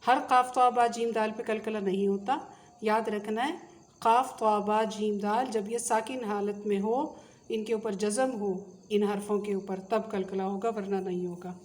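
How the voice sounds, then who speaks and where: A woman with a Pakistani Urdu accent teaching a tajweed lesson, patiently drilling letter sounds and repeating them slowly. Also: mid-range voice, fairly even intonation, a little mellow. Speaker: Quran recitation teacher.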